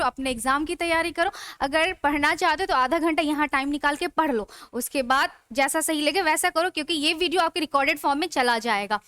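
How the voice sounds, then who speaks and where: Young woman teacher on a live online class, very high voice, dry close sound, keeps asking students questions. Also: pushed and bright, dry recording. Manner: chatty, rhetorical questions to students. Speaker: online Urdu grammar teacher.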